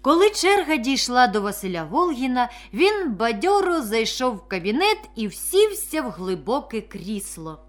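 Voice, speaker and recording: A woman reading children's stories aloud in an expressive, unhurried storytelling manner. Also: fairly high pitch.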